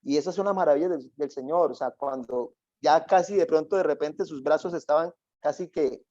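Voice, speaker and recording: Mellow-voiced co-host, grateful and reflective. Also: male voice, on the high side, a little fast, no room sound. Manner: grateful, reflective, repeats himself. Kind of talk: closing comments on a talk show. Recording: dull, lo-fi, dry sound.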